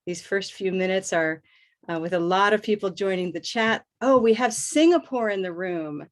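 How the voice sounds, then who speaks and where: Upbeat middle-aged American woman, online pronunciation teacher, slow repetitive drilling. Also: mid-range voice. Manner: upbeat, drills words by repeating them slowly. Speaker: host and English pronunciation teacher. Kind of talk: live online pronunciation lesson.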